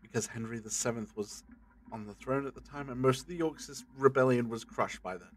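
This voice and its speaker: A man's voice: medium pitch, brisk, close to an everyday voice. A man playing a brainy, earnest time-travelling adventurer in an audio drama, with a theatrical manner. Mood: urgent.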